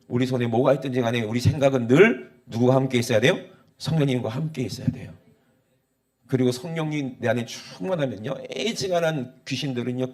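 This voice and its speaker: A male pastor preaching, then leading a loud, fervent prayer that keeps repeating "father" between phrases. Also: mid-range voice. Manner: calls out for the congregation's amen. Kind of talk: sermon and loud congregational prayer. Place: church sanctuary.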